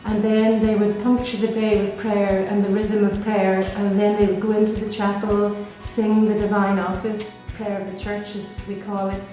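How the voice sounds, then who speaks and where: A Dominican sister from Northern Ireland, a middle-aged woman with a Belfast accent, speaks gently and thoughtfully in a reflective personal interview. She pauses on ums and restarts phrases, her pitch level and even. The audio is very echoey, with music clearly audible underneath.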